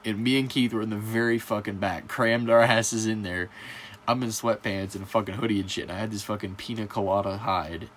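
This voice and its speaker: A man's voice: lowish voice, steady tone, brisk, slight background noise. A teenage boy chatting casually, telling stories full of swearing, laughter and quoted teachers. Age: teens. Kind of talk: casual chat.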